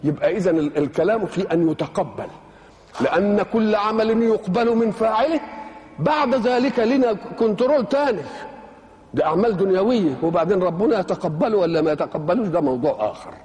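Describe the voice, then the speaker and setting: A man's voice: high-pitched, expressive, brisk, darkish tone, long reverb tail. An older man with an Egyptian accent explaining scripture in a lecture, posing rhetorical questions and answering them himself in colloquial asides. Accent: Egyptian Arabic. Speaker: Quranic exegete. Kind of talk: religious lecture.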